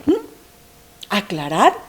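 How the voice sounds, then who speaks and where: Slow, soft-spoken woman lecturer. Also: medium pitch, big pitch swings, slightly rough. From Mexico. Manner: asks herself many questions, drops to a soft near-whisper. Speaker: thanatology lecturer.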